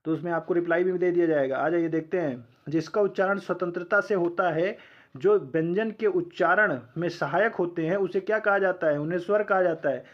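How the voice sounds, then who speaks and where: A male teacher with a fairly high voice runs through an exam-prep lesson, firing off questions and answering them himself. He slows down to spell out sounds one at a time. The recording is a little dull and lo-fi. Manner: sounds out letters slowly one by one.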